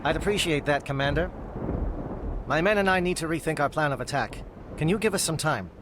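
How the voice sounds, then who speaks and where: A man's voice: fairly high pitch, lively intonation, brisk, noisy background, lightly acted. A man playing a disciplined alien captain in a video game, speaking in a clipped, formal, urgent way. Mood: businesslike. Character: brisk, disciplined male alien military captain. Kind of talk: dramatic video game acting.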